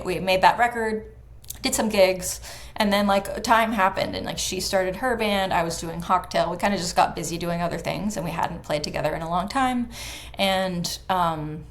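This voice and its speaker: A young woman, a fiddler, chatting casually in an interview with lots of "like" fillers. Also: lowish voice. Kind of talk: casual conversation.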